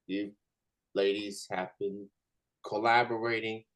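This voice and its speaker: A man with an American accent hosting a casual interview in a halting way, often repeating his words. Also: fairly low pitch, little pitch movement, a bit bright, low-quality recording. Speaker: interviewer, host.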